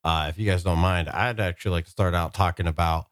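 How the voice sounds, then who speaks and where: A man's voice: low voice, fairly even intonation, fast talker, dry recording, clean studio sound. A man co-hosting a casual podcast, explaining things in a wordy way and rephrasing as he goes. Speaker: podcast co-host.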